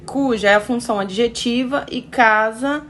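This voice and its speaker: Brazilian woman teacher, higher-pitched voice. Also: normal speed, fairly bright tone, poor audio. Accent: Brazilian Portuguese. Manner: reads rules then explains, frequent "tá?" and "né?" checks. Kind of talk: recorded grammar lesson.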